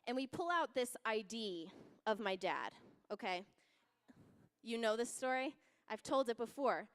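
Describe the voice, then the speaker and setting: A young woman telling a funny story at a church youth service, animated and laughing as she acts out voices. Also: on the high side, measured pace, clean tone. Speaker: youth speaker. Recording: long hall reverb.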